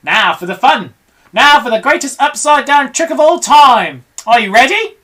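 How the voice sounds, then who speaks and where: A reader voicing an excitable, bossy monkey father who yells orders in a high, bright voice. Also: a little slow, exaggerated voice. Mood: excited. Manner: shouting orders, frantic. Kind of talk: storybook read-aloud.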